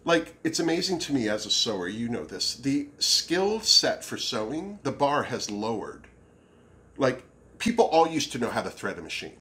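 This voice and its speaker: A man chats casually as a campy drag queen. His pitch swings widely and he leans on words with drawn-out emphasis. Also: sing-song, a bit bright. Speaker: drag show review co-host. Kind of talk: casual chat.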